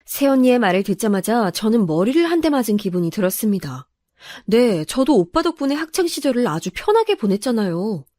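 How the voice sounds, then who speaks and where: Woman narrator, first-person story reading, aggrieved and confiding, high voice. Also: sing-song, a little fast, mellow, dry recording.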